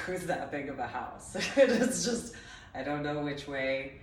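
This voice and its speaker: A woman's voice: deep voice, lively intonation, a little slow, slight background noise. A woman from New Jersey telling a meandering personal story in casual talk, laughing often at herself. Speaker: vlogger telling personal stories. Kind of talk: casual rambling anecdote. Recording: roomy echo, voice far from mic.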